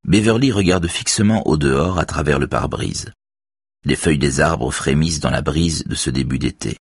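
A male audiobook narrator reads in a calm, steady manner. His voice is very deep with a husky grain, and the recording is close and dry with no room sound. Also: moderate pace, no room sound. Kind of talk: scripted narration.

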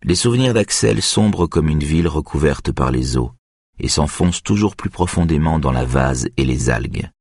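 A man narrating a novel in a measured, somber way. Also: a bass voice, lively intonation, a little mellow, husky, no room sound, clean studio sound. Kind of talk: audiobook narration.

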